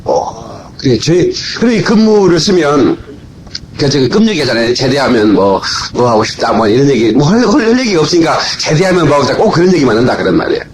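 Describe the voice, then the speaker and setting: A man preaching a lively, humorous sermon as a pastor, shouting his punchlines, recorded on an old cassette in a church full of people. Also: mid-range voice, fast, slight background noise, rough recording. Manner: animated, shouting punchlines, playful asides. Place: church sanctuary. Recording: old cassette tape of a live church service with congregation. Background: congregation laughing and responding.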